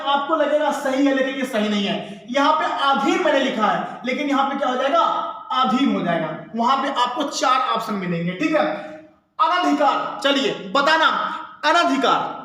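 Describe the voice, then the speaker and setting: A man teaching an exam-prep lesson, drilling his listeners by posing a question and answering it at once. His voice sits very high and sounds bright and forceful. It rings out in a strongly echoing room. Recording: very echoey room.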